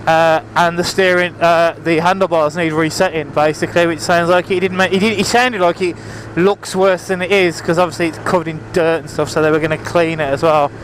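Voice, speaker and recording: A male motorbike vlogger rides on the road and raises his voice above the engine for a rambling, apologetic chat with viewers. His high-leaning voice is steady and brisk, with hardly any pauses. The audio from his helmet mic, visor open, is poor, thick with engine, wind, and traffic noise.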